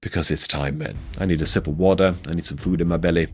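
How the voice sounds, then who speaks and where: A man with a cold, his voice stuffy and a little rough, keeps up easygoing chatter on a live game stream, peppered with "man" and "dude." He sits low in pitch with a steady tone and a quick pace.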